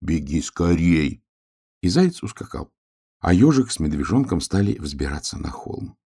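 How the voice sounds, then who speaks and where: Deep, gravelly male storyteller. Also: sing-song, moderate pace, warm tone. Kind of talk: storybook reading.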